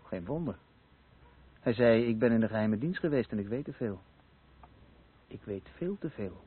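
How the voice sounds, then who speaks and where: In a naturalistic radio play, an actor takes the part of a sardonic, embittered neighbour, speaking with scornful emphasis in a fairly low, slightly rough voice that is animated and moderately paced. The recording is old, tinny, narrow-band and noisy.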